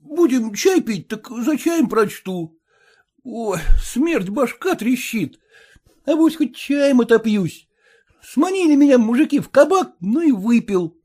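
Drawling hungover young peasant man, very high and swooping, as a male reader puts him on; storybook role. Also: big pitch swings, slow, mellow, husky, heavily acted. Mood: grumbling. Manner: drawling, grumbling.

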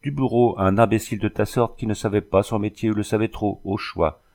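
A man's voice: fairly low pitch, fairly even intonation, fairly quick, gravelly, darkish tone. A man voicing a boastful old Irish sailor in a storybook, swaggering and swearing as he tells his tale. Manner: swaggering, swears by thunder and the devil.

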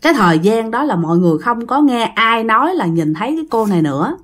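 A woman with a Southern Vietnamese accent tells a ghost story casually, speaking straight to her listeners. Her voice sits fairly high and moves around a great deal, animated throughout. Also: fast. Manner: animated, addresses listeners directly.

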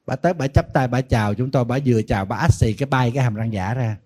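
Mellow-voiced monk telling a lively story. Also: male voice, medium pitch, fast talker. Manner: lively storytelling, animated quoting of others, folksy asides. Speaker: Buddhist monk giving a dharma talk. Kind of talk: sermon.

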